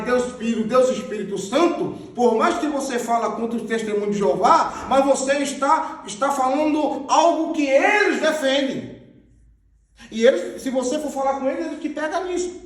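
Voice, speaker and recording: High-voiced preacher in a very echoey hall. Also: male voice, normal speed. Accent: Brazilian Portuguese. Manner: emphatic, repeats phrases, points at a drawn diagram. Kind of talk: sermon teaching with Bible readings. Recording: very echoey, far from the mic.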